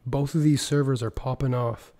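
A man who is sick with a sore throat and has nearly lost his voice, hoarse and strained and breaking into a whisper, giving casual gaming news commentary as the video's host. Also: medium pitch, steady tone, moderate pace, warm tone.

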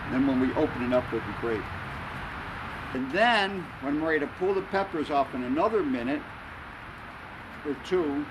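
A man talks through his cooking at an outdoor grill, calm and unhurried as he explains each step. His voice sits a little high. Street and traffic noise from the city carries clearly behind him. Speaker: home cook. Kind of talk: casual cooking demonstration.

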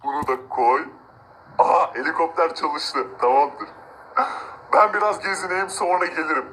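A man's voice: a little high, moderate pace, fairly bright tone, a little hiss or hum, close to an everyday voice, rough recording. A man voicing an arrogant, cruel rich man who gloats, mocks and threatens villagers in a game-video drama. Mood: gloating. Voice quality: gloating, mocking laughs. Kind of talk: amateur game role-play narration.

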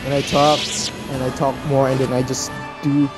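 A gaming YouTuber with a hoarse voice, rambling through casual gameplay commentary in a nearly empty room and laughing after almost every line. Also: mid-range voice, steady tone, unhurried, over music. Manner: laughs constantly as a habit; rambling, chatty rants. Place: mostly empty room as makeshift studio.

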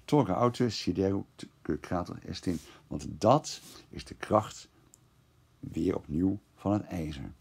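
A male teacher talks through a translation one word at a time and reasons aloud as he goes. His voice sits very low and has a gravelly, creaky edge. Beneath it runs a husky grain. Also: expressive, unhurried, darkish tone. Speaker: classics teacher. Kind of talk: screencast lesson translating Greek verse.

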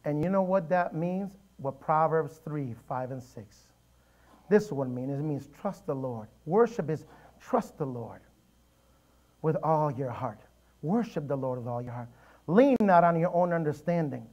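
A man preaching a sermon in a church, with animated storytelling and emphatic repetition. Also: fairly high pitch, measured pace, muffled recording. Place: church sanctuary.

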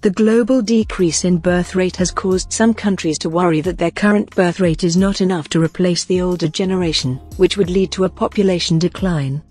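A man's voice: sits high, fairly even intonation, moderate pace, few pauses, darkish tone, slightly rough, faint music behind. A male voice playing an obedient, polite computer assistant, reading out in a formal, scripted way. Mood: neutral. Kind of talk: scripted read-out.

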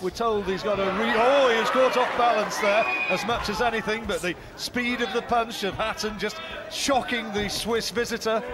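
A man giving measured play-by-play boxing commentary from ringside. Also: sits high, fairly even intonation. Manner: measured play-by-play with fight facts. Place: ringside at an indoor boxing arena. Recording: loud arena crowd and noise behind.

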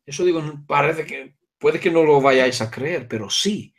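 Speaking at a moderate pace in a voice on the high side, this male guest, Hungarian-accented and a native Hungarian speaker, gives long interview explanations peppered with digressions and checks on the listener.

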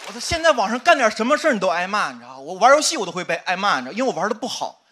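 High, lively, fast-talking stand-up man. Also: a loud crowd. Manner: chatty, keeps asking "you know?". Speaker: stand-up comedian. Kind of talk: stand-up set. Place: studio stage with live audience. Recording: loud audience laughter and noise.

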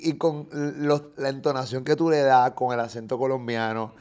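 A host chatting casually with his guest at a middle pitch. His voice is teasing and a little crude. He throws in short jabs and prompts to keep the story moving. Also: flat delivery, darkish tone, smooth. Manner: teasing, coarse, prompts the guest with quick asides. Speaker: podcast host. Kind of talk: casual interview chat.

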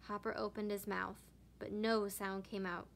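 A woman teacher reading a children's picture book aloud with expressive narration. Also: mid-range voice, unhurried, vocal fry, slight background noise. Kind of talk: storybook read-aloud.

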